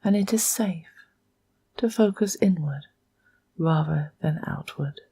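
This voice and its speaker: A woman narrates a guided meditation in a low, soft, breathy, whispery voice. She keeps a hushed, measured manner and leaves long pauses between her short phrases.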